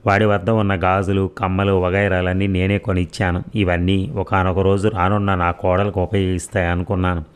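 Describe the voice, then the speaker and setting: A man's voice: low voice, level tone, brisk, few pauses, clear, resonant tone, close to an everyday voice. A man reading as a pleading old mother-in-law.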